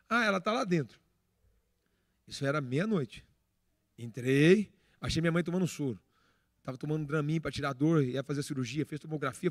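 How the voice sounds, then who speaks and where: A middle-aged Brazilian pastor preaches a sermon built on personal stories, animatedly acting out dialogue and restarting often. He speaks with a Brazilian Portuguese accent in a high voice, recorded with studio quality and no echo.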